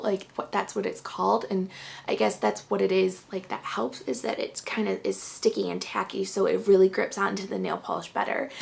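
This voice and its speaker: A young-sounding woman reviews her favorites in a chatty, rambling way, short of breath between phrases. Her voice carries a heavy, gravelly vocal fry under a mid-range pitch. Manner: chatty, fillers like "um" and "like". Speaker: beauty vlogger. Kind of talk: casual product review.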